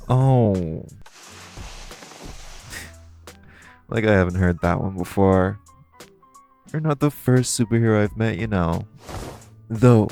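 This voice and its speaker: In a lowish, slightly mellow voice, a man plays a flirty, teasing supervillain thief in an audio roleplay. He's coy and theatrical, stretching out his phrases as he addresses the listener, sounding amused and taunting.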